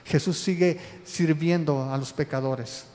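A man preaching a sermon as pastor, his voice swelling loud and then dropping low. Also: fairly even intonation, unhurried. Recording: long hall reverb.

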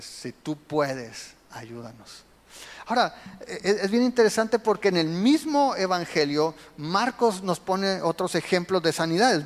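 A man preaching a sermon in a high voice. He acts out the quotes he retells, swinging from loud bursts to hushed, slow lines. The sound carries a long reverb, as in a large hall. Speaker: pastor.

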